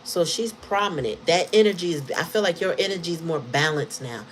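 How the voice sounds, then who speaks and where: A woman's voice: fairly low pitch, lively intonation, fairly quick, slight background noise, low-quality recording. A woman giving a casual tarot reading, telling stories in slangy talk and laughing often. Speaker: tarot reader.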